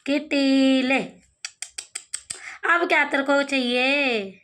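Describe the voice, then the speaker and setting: A woman speaks in a high voice, slowly and unhurriedly, coaxing a cat with sing-song calls. She is recorded on a phone outdoors in a home courtyard. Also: fairly even intonation, a bit bright. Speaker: pet vlogger. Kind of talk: casual talk to a cat while filming. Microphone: phone camera.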